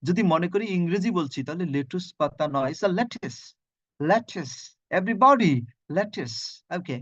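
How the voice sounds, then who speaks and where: Slow, drilling Bangladeshi man teaching. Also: sits high, animated, fairly bright tone, no echo, highs cut off. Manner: repeats words slowly in drills, spells out sounds. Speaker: phonetics lecturer. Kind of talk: online pronunciation lesson. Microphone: video call.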